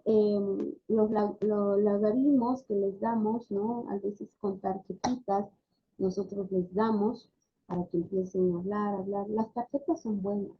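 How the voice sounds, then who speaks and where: A woman's voice: medium pitch, a little hiss or hum. A woman, a speech therapy lecturer explaining things in an online class, often checking in with tag questions. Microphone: video call. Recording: dull lo-fi video call audio.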